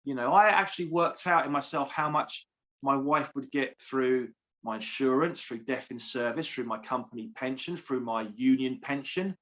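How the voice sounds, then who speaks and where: A man's voice: a little high, fairly bright tone. A man, a coach speaking earnestly as an interview guest, repeating phrases for emphasis. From England. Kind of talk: heartfelt interview.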